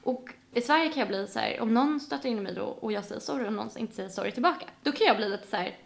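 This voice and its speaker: This woman from Sweden has a fairly high pitch with vocal fry. Chatting casually, she's an animated storyteller who performs the voices of anyone she quotes.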